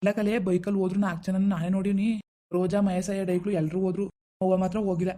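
A woman's voice: on the low side, flat delivery, very fast, warm tone, lightly acted. A woman voicing a pushy village woman in a cartoon, brusque and bossy as she urges her friend on. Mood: urging. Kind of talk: cartoon voice acting.

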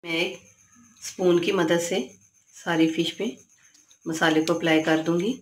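A woman hosting a cooking channel, calmly explaining each step of a home recipe from her kitchen. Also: on the low side, measured pace.

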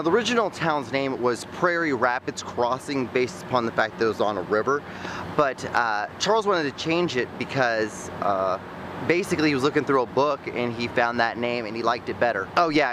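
A man's voice: medium pitch, expressive, brisk, noisy background. A young man from the Midwest vlogging to a handheld camera on city streets, rambling with jokey, self-deprecating asides. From American Midwest. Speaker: travel vlogger. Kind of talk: casual vlog narration to camera. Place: outdoors on city streets by a river. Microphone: handheld camera at arm's length.

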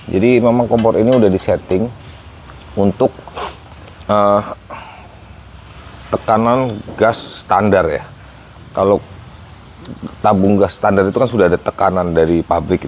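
Deep-voiced man reviewing camping gear. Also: a little mellow, slight background noise. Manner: chatty, explaining step by step, addresses viewers as guys. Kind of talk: casual product review vlog. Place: outdoor patio garden.

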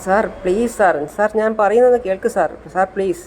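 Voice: medium pitch, moderate pace, a little mellow, slight background noise, voice pushed up, close to an everyday voice, poor audio. A storyteller voicing a wrongly arrested man begging the police to listen. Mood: pleading. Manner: begging, insistent.

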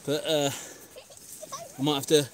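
A man's voice: a little high, flat delivery, unhurried, clean tone. A man in his thirties with an English accent, chatting casually to viewers on a live stream while fishing from a beach. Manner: chatty, matter-of-fact, talks to viewers. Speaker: fishing channel host. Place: pebble beach outdoors.

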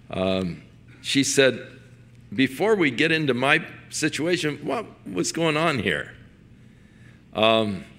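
A man's voice: medium pitch, fairly bright tone. An older man, a pastor, preaching a sermon in a folksy storytelling way, chuckling now and then and restarting his sentences.

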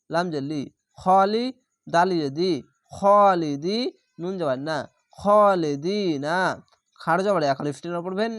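A man teaching Quran reading, spelling each word letter by letter and vowel by vowel, then reciting the whole word in a slow, drawn-out way. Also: on the high side, dry recording, clean studio sound.

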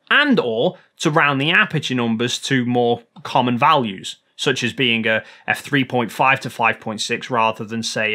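A man hosting a photography video, giving a scripted technical explanation in a clear, explanatory way. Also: mid-range voice, pushed and bright.

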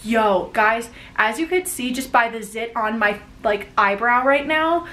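A woman's voice: fairly high pitch, measured pace, fairly bright tone. A young woman with a bubbly, gushing sorority-girl manner, chatting casually for a vlog. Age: young adult. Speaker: vlogger, college sorority member.

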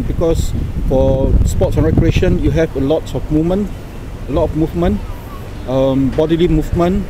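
Singlish-speaking Singaporean male demonstrator, middle-aged, slightly high pitch, halting delivery, noisy street-side camera sound. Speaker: product demonstrator. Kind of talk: informal product demonstration in Singlish-style English. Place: outdoors by a car park and exhibition centre. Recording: noisy outdoor recording with traffic ambience.

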